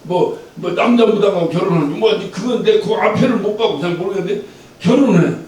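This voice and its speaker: Male pastor, high voice, casual storytelling sermon, mic far off in a very echoey church. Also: fast, darkish tone. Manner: chatty storytelling, asks the congregation questions. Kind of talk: conversational sermon. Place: church sanctuary. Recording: very echoey church, distant mic, faint rumble.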